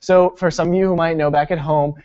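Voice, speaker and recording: A man's voice: fairly high pitch, steady tone, fairly quick, darkish tone. A young man casually introducing a comedy skit to the audience at home, on a dull lo-fi recording. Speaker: student skit performer.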